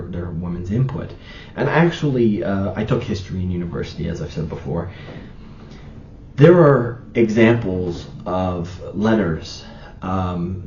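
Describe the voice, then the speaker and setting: A young man hosting an opinion monologue, rambling with many fillers and restarts as he argues his case. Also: warm tone. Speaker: channel host. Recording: roomy, slightly dull recording with faint rumble.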